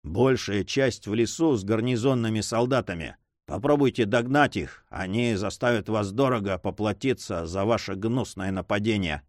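A man voicing a terrified, tortured male prisoner who swings between hushed pleas and desperate outcries. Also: on the low side, normal speed, few pauses, no echo, studio quality, pitched below the performer's own voice, natural voice. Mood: defiant. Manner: desperate, alternately whispering and crying out.

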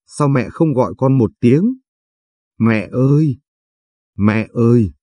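A man's voice: medium pitch, animated, slow, warm tone, dry recording, studio quality. Sobbing grieving girl, as a male narrator voices her. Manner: sobbing, choked.

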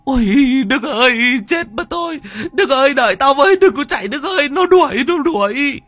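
A man voicing a cowardly old man who wails in a shrill, panicky voice. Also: lively intonation, normal speed, pushed and bright, no room sound, full character voice. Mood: panicked. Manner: shrill, wailing.

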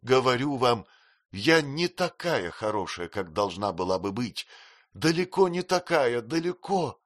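A man's voice: medium pitch, very animated, measured pace, a bit bright, pitched above the performer's own voice. A man reading an audiobook voices a tearful, childlike young woman who sobs and pleads. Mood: sobbing remorse. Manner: sobbing, pleading.

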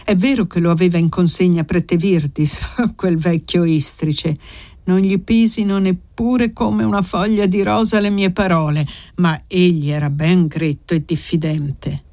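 A frightened young village woman speaks in anxious, breathless bursts, voiced by a woman reading a novel aloud. The voice sits fairly low and sounds dry and close to the mic. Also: steady tone, unhurried, mellow, dry recording, close to an everyday voice. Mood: weary.

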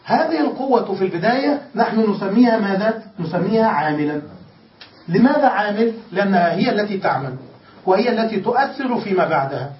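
A man's voice: high-pitched, lively intonation, a little fast. A man teaching a grammar lesson in a classroom style, asking questions and answering them himself. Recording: echoey, distant, dull lecture recording with faint hiss.

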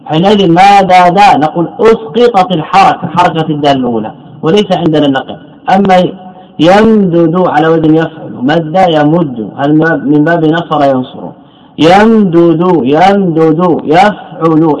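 A man who is a religious scholar, teaching Arabic grammar in a classical lecture. He asks his own questions and then answers them, repeats key words, and slowly stretches out his example words. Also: fairly high pitch, darkish tone, rough recording.

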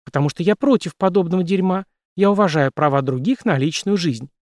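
A man's voice: sits high, fairly quick, a little mellow, no room sound, clean studio sound, voice pushed up, natural voice. A man voicing an angry, defiant young woman who scolds and swears in an audiobook. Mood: indignant. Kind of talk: audiobook character reading.

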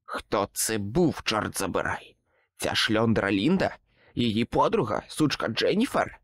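A cold, threatening sorcerer, put on by a male audiobook narrator, dragging out his words with slow menace. The voice is gravelly and dry, with no room sound. It swings between low growls and sharper rises. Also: expressive, fairly bright tone, no echo, heavily acted. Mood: menacing.

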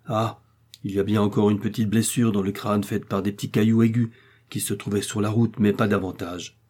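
A man playing a calm, sententious village doctor who explains slowly and deliberately. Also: on the low side, slightly rough. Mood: explaining.

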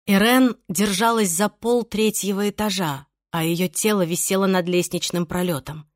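A woman narrating an audiobook in a steady, measured way. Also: mid-range voice, no room sound, clean studio sound. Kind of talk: scripted narration.

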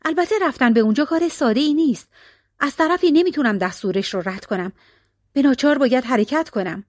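A woman's voice: high voice, lively intonation, dry recording, studio quality. Loyal young archer, read by a woman. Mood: earnest.

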